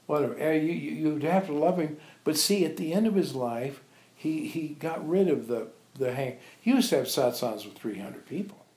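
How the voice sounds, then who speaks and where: In an echoey room with a few visitors, an older monk and abbot informally recalls his teacher through anecdotes to a small group. His voice sits on the high side with a darkish tone, delivered animatedly at a moderate pace as he acts out the dialogue he quotes.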